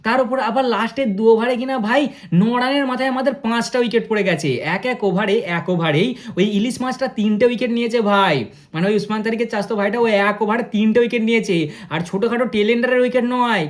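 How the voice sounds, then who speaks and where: Man, cricket vlogger, quick and excitable, chatty match review aimed straight at viewers. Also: sits high. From India. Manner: fast-talking, excitable, addresses viewers directly.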